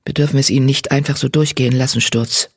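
A reader voicing a broad-shouldered grey tomcat who leads patrols and speaks calmly. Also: medium pitch, fast talker, husky, dry recording, studio quality. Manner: calm and composed.

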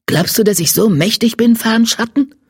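A reader voicing a weary old she-cat, a former healer, in a lowered, subdued storybook voice. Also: moderate pace, breathy edge, no room sound, studio quality. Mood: defensive.

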